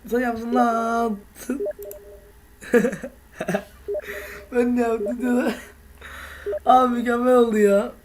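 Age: adult. Sex: woman. Pitch: fairly high. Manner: laughing, slangy, teasing gaming commentary. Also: little pitch movement, slow pace, long pauses, a little mellow, a little hiss or hum. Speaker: gaming video host.

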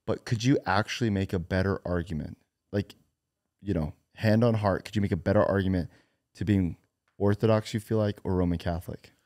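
A young man hosting a podcast in a studio, relaxed and conversational, asking questions and retelling exchanges. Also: sits low, a little fast, dry recording. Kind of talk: casual conversation. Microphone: studio boom mic with headphones.

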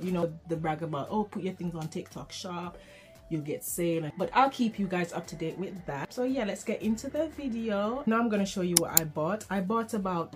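A young woman vlogger unboxes items in her bedroom for a haul vlog, chatting candidly and rambling through asides. Her voice is mid-range and a little mellow.

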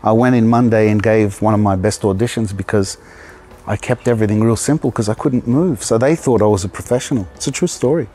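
Relaxed man telling stories in a garden. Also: lowish voice, a little fast. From Australia. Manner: relaxed storytelling, laughs often. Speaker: actor, interview guest. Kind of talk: casual interview. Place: outdoor garden.

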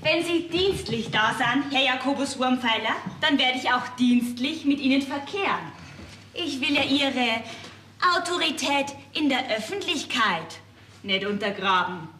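An actress with a Bavarian accent playing a sharp-tongued, mocking young village daughter in a folk theater play. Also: female voice, high-pitched, lively intonation, unhurried, slight background noise, heavily acted. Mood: snippy. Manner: snippy and mocking. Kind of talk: folk theater stage acting. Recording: roomy stage sound from far off.

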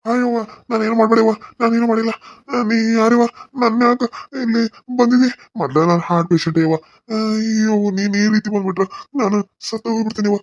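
A man's voice: high-pitched, little pitch movement, fast, no echo, lo-fi sound, natural voice. A man voicing a frightened older man, a heart patient, pleading in a North Karnataka Kannada accent.

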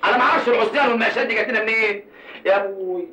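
An actor playing a cowardly, joking working-class Cairo man with an Egyptian Arabic accent and rapid streetwise banter. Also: high voice, bright, forceful tone. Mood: defensive joking. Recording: echoey film sound, mic far off.

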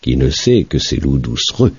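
A man narrating a classic fairy tale in a lively, expressive storybook reading. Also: a bass voice, normal speed, husky, no room sound.

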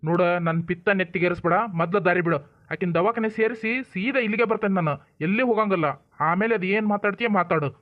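Actor as a firm North Karnataka village elder, high and quick, tinny dry sound. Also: male voice, dry recording, lightly acted. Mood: urgent. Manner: firm, scolding, then soothing. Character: stern but caring village father-in-law. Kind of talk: village comedy drama acting.

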